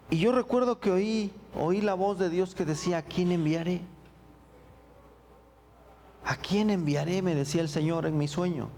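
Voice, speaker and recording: Man, middle-aged, pastor, sermon testimony, earnest, reflective, halting repeated words, fairly high voice. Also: darkish tone, slight background noise.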